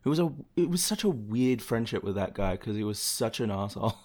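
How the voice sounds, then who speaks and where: A man's voice: on the low side, lively intonation, fairly quick, a little mellow. A man in his thirties co-hosting a podcast, chatting casually in a self-deprecating, anxious way. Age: 30s. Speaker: podcast co-host.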